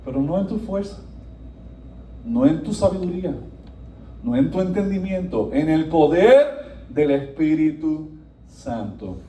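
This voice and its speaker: A male pastor preaching a sermon with animated delivery, swinging between soft passages and emphatic, rising lines. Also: a little high, unhurried, long pauses, a little hiss or hum. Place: church sanctuary. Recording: echoey room, voice from a distance.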